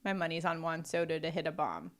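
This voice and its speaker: A woman's voice: low-pitched, lively intonation, fast talker. A woman co-hosting a sports betting show, running through baseball stats and picks in an upbeat, stat-heavy delivery.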